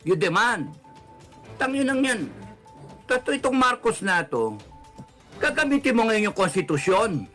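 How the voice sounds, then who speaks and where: A man's voice: very high voice, sing-song, normal speed, pauses often, fairly bright tone, soft background music. A man with a Filipino accent giving angry political commentary, ranting and cursing over and over. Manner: heated, cursing, repetitive ranting.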